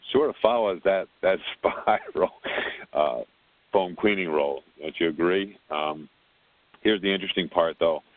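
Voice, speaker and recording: A man heard over the phone, leading a casual technical briefing and rambling with repeated words on a tinny phone line. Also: rumbling low. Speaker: technical support lead on a conference call.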